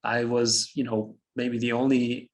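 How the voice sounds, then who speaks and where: An Austrian man in his fifties, a German speaker appearing as an interview guest, tells his story reflectively. His mid-range voice is flat and unhurried, and he chuckles often and restarts phrases.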